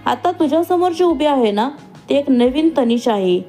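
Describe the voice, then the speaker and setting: A woman's voice: high voice, animated, moderate pace, warm tone, faint music behind. A woman voicing a scheming, vengeful young woman who has escaped from jail and talks in a taunting, sneering way.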